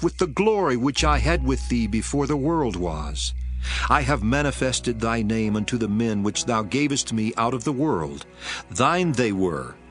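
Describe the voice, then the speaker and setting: A man's voice: medium pitch, fairly bright tone. A man playing Jesus, a solemn, tender teacher, in a dramatized scripture reading with earnest, prayerful delivery. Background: background music.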